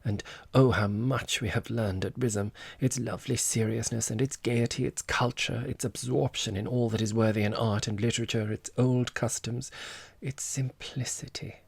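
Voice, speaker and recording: A man's voice: medium pitch, steady tone, moderate pace, creaky, slightly rough, no room sound, voice pushed up. A man voicing an affected, self-important society woman in an audiobook, with airy, theatrical phrasing and Italian endearments. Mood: grandiose. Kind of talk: audiobook character voice.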